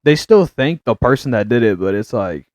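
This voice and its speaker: A young man co-hosting a casual podcast, rambling with lots of fillers and getting loud and excited. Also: mid-range voice, normal speed, dry recording. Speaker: podcast co-host. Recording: dull, muffled dry sound.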